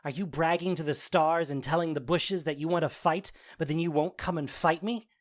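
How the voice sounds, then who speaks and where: Here Puck, the goblin sprite who serves the fairy lord, is performed with a taunting, playful theatricality in a modernized Shakespeare audio drama. The actor's natural, mid-range voice keeps a fairly even intonation and a moderate tempo.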